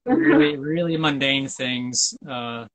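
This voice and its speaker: A man's voice: mid-range voice, wildly swooping pitch, takes it slowly, creaky, crowd noise. A man in his thirties, a guest on a casual interview, telling a story in an easygoing, rambling way. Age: 30s. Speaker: sailing vlogger guest. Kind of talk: casual chat.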